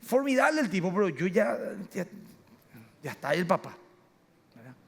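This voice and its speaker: A man's voice: high voice, very animated, normal speed, gravelly. A middle-aged man preaching a sermon as a pastor, telling anecdotes and acting out family dialogues. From Paraguay. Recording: reverberant church hall.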